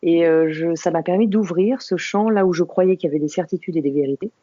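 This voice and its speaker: A woman of about fifty from the Paris suburbs, a podcast guest talking about her life in a reflective, unhurried way, pausing and restarting often. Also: fairly low pitch, warm tone, no echo, dull audio. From Paris suburbs, France. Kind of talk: podcast interview conversation.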